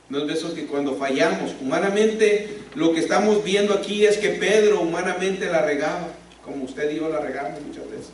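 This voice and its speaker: A man delivers an emphatic sermon in a fairly high voice, firing off rhetorical questions at the congregation. He sounds set back from the microphone, and his voice rings through a very echoey church hall over a faint room hum. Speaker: pastor. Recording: echoey hall, speaker far from mic.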